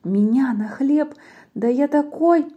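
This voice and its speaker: A woman voicing a tiny, cheeky male mouse in a rhyming storybook, squeaking and bragging. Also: slow pace, muffled recording. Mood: boastful. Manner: cheeky, excited, shouting greetings. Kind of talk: storybook reading in verse.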